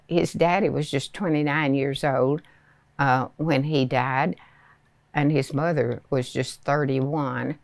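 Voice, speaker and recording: A very old woman in her nineties with a Southern US accent, reminiscing in a hesitant, unhurried storytelling way with many pauses. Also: deep voice, creaky, no echo. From rural Arkansas, United States. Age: 90s, very old. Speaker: elderly interviewee recalling childhood. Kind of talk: reminiscing oral history.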